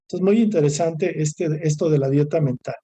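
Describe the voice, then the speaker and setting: A man's voice: a little high, moderate pace, dark tone, husky. A man with a Mexican Spanish accent giving a recorded course lecture, talking in a discursive way that repeats, lists and restarts phrases. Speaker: course instructor.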